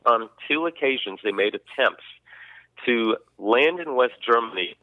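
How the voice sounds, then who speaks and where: A man's voice: mid-range voice, animated, measured pace, dry recording. A man co-hosting a history podcast, talking in an opinionated, emphatic way with frequent restarts. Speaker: podcast co-host. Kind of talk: casual history podcast chat. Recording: dry tinny phone-like line.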